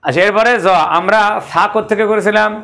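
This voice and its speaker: A man's voice: sits high, fairly even intonation, quick pace, creaky, crowd noise. A male teacher leading a Quran pronunciation class, modelling letter sounds for learners to repeat, sometimes in a chanted tone. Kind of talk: pronunciation drill lesson. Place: class session.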